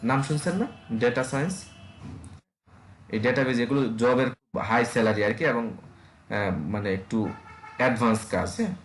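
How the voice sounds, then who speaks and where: Fast-talking man teaching web design. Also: mid-range voice, roomy sound, slight background noise. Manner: casual, rapid, full of fillers and checks on students. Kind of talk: online class lecture.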